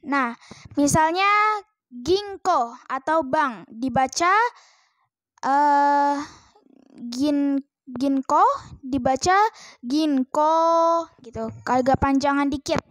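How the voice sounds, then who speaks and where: A woman's voice: high voice, slow pace, pauses often, no echo. A woman giving a casual lesson from a book, chatty and hesitant with many fillers. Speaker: self-taught language learner teaching viewers.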